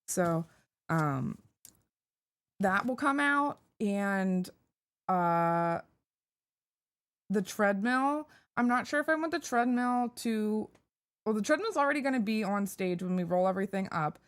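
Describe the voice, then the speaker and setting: A woman's voice: mid-range voice, animated, unhurried, long pauses. A woman streamer and cosplayer talking casually on a stream, rambling with lots of "like" and "um" fillers. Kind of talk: casual live-stream chat.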